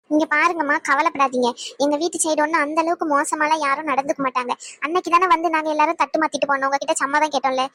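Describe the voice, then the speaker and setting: A woman's voice: high voice, bright, forceful tone. A woman voicing a polite, reassuring young groom in a cartoon family drama.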